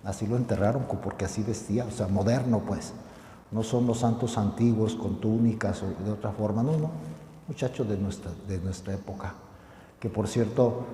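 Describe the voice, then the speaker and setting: A man's voice: fairly low pitch, warm tone. A man, a parish priest giving a homily in a conversational way, often repeating and restarting his phrases. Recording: echoey church with long reverb, faint noise.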